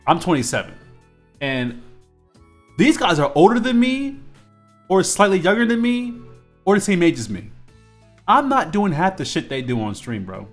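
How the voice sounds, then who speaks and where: Faint music accompanies a high-voiced man in his twenties who draws live on stream, rambling casually with plenty of fillers and restarts. His pitch swings widely, his pace is moderate, and he takes long pauses.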